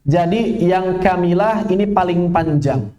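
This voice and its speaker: Guy teaching quran recitation, high voice, slow and patient, echoey room. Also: warm tone. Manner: patient, demonstrates sounds slowly and sings examples. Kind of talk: tajwid lesson with recited examples.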